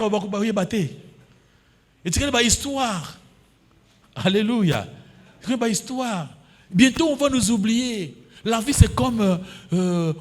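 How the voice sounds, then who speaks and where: Congolese pastor in his 50s preaching, high lively voice, lots of amens and alleluias. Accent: Congolese French. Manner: preaching with call-and-response alleluias and amens, switching into Lingala. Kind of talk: sermon.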